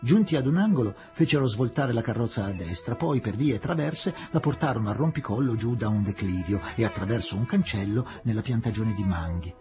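A man reading a novel aloud in a varied, expressive way. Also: mid-range voice, brisk, few pauses, faint music behind. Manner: expressive, shifting dramatic reading. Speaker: reader.

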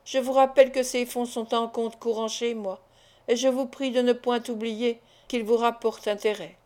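A woman's voice: fairly high pitch, steady tone, normal speed, warm tone, close to an everyday voice. A woman reading the lines of a wary, formal male banker in an audiobook.

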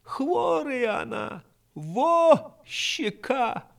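Guy doing a shrill young village maid, super high drawn-out yelling, audiobook character. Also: sing-song, vocal fry, exaggerated voice. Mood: urgent hollering. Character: shouting young peasant cleaning girl.

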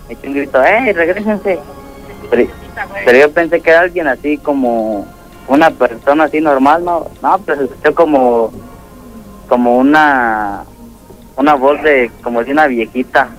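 A young man with a Mexican accent rambles through a ghost story as a radio caller. He talks in halting stops and starts, leaning on fillers at every turn. Faint music plays underneath his voice. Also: medium pitch, rough recording. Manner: rambling, halting, full of "pues" and "¿no?".

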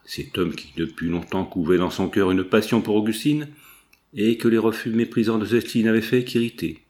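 A man narrating a classic novel as an audiobook, in a measured storytelling manner. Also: lowish voice, fairly even intonation, a little mellow. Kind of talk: scripted literary narration.

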